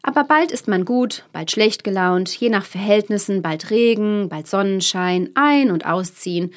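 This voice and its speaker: A woman's voice: medium pitch, expressive, moderate pace, natural voice. A woman voicing April, a dapper, fickle male prankster with a teasing, changeable manner, in a storybook reading. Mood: chatty.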